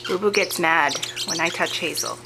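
A woman's voice: lowish voice, expressive, moderate pace, creaky, very noisy. A young woman chatting to her pet parrots in sing-song baby talk, some lines half whispered, in a home video. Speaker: parrot owner filming her birds. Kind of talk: casual chat with pet birds. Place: home room with birds. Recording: home video with bird chirps behind.

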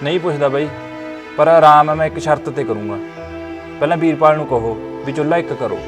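An actor playing a grateful injured younger brother who talks earnestly. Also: male voice, on the high side, fast, over music, natural voice.

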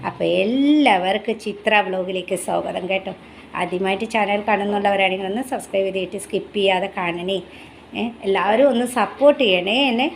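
A woman's voice: medium pitch, brisk, slight background noise. A woman pet vlogger chatting casually and talking to her dog in doting baby-talk, coaxing and scolding it on a sunny rooftop.

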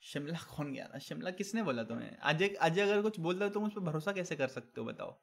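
Young man, game streamer, slightly high voice, teasing chat banter, English catchphrases mixed in. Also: lively intonation, fairly quick, creaky. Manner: teasing banter while reading chat aloud; mixes English catchphrases into Hindi. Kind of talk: casual live-stream chat.

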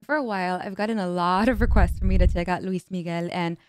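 A young woman from the United States with Mexican parents, whose first language is Spanish, streams her bubbly, casual reactions to music, switching between English and Spanish. Her voice is lowish and fast, with background noise. She's in a home streaming room, wearing headphones and talking into a studio mic on a boom arm.

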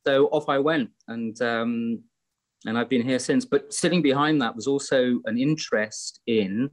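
A man's voice: mid-range voice, unhurried. A middle-aged English man on a video call from home, talking in a reflective, rambling way with many fillers and restarts. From England. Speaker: guest musician. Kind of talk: casual interview chat. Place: home room in Greece, indoors. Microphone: laptop webcam on a video call.

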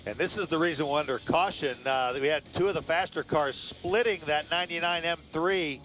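A man giving color commentary at a race, explaining incidents in a measured way. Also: fairly high pitch, a bit bright. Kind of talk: motorsport analysis commentary.

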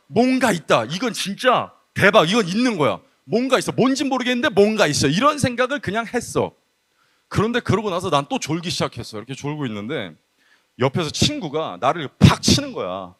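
A man preaching a youth sermon in a casual, lively storytelling way, acting out the people in his story. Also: sits high. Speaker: pastor.

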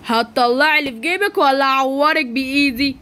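A woman's voice: sits high, pushed and bright, slight background noise. A woman playing a menacing street thug. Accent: Egyptian Arabic. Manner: slow, drawn-out threats.

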